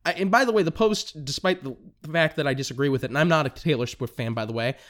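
A young man hosting a political commentary podcast, talking fast and excitably, tripping over his words and restarting sentences. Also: fairly high pitch. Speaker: podcast host.

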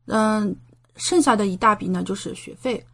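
A woman from China, a medical doctoral student living in Japan, appears as a podcast guest and talks casually. Her mid-range voice is a bit bright and her pace moderate. She's talkative and explanatory, going into detail with lots of examples.

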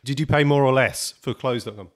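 Male podcast host, casual and rambling, mid pitch. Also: a little fast. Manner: casual, rambling questions with restarts. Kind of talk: interview host.

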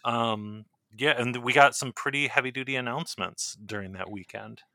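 A man talks in a relaxed podcast chat, his voice bright and forceful. He slips into deadpan teasing now and then. The sound is dry and close. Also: medium pitch, moderate pace, vocal fry, no echo. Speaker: podcast co-host. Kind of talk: casual chat.

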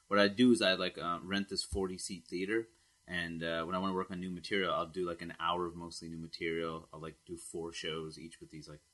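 A man from Queens, a stand-up comedian telling anecdotes in casual chat and getting animated when he quotes people. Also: sits low, a little fast. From Queens, New York.

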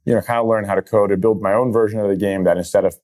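A young man from Brazil, a startup founder, telling his story in a relaxed interview with many fillers. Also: lowish voice, racing. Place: outdoor event venue.

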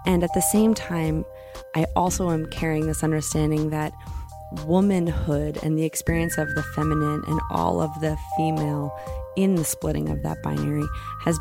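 Low, gravelly woman, measured and earnest. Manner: deliberate, measured, reflective. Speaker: podcast host. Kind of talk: earnest spoken introduction.

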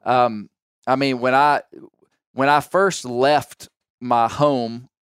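A man with an Arkansas Ozark Southern accent, hosting a podcast and telling stories in a relaxed, musing chat. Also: mid-range voice, takes it slowly, smooth, dry recording, clean studio sound. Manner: storytelling, musing aloud. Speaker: podcast host.

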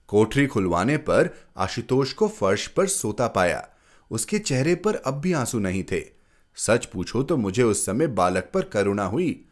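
A man hosting a story podcast, reading a first-person tale aloud with dramatic expression. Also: medium pitch.

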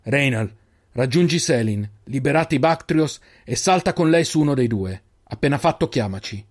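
Man voicing a steady old keeper. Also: medium pitch, normal speed, lightly acted. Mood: calm commanding. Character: old male keeper, steady caring leader.

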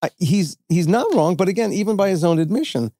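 A man's voice: high voice, lively intonation, brisk, mellow, dry recording, clean studio sound. A man co-hosting a podcast, wisecracking and firing off incredulous questions in casual chat. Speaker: podcast co-host.

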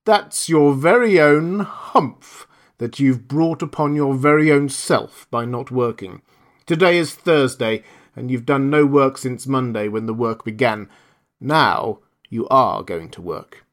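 Here a man plays a magical desert djinn for a storybook reading, his medium-pitched delivery slow, emphatic, and sternly authoritative.

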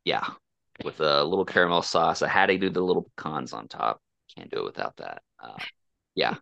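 Man, from Oklahoma, coaching guest, hesitant storytelling, very deep gravelly voice. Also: big pitch swings, a little fast, dry recording, highs cut off. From Oklahoma, USA. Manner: hesitant, many fillers and restarts, soft-spoken. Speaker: coaching client and podcast guest. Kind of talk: casual personal storytelling.

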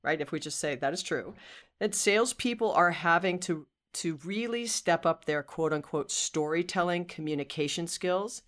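A woman's voice: fairly low pitch, animated, moderate pace, fairly bright tone. A woman in her fifties hosting a podcast interview, upbeat and chatty, often saying "you know" and restarting her sentences. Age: 50s. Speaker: podcast host.

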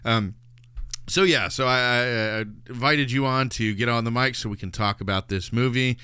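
A man's voice: medium pitch, normal speed, sharp tone, clear, resonant tone, no room sound, studio quality. A young adult man hosting a podcast, chatting easily with his father about a film. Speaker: podcast host. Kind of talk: casual chat.

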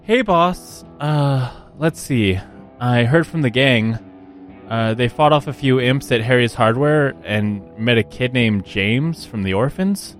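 A man's voice: medium pitch, slow, soft background music, pitched above the performer's own voice, close to an everyday voice. A man voicing a loyal male gang member giving his boss a hesitant report.

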